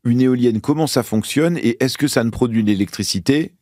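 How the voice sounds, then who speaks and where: A man from Lebanon hosting a podcast, giving a measured scripted introduction before interviewing his guest. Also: medium pitch, a little mellow, no room sound, studio quality. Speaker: podcast host.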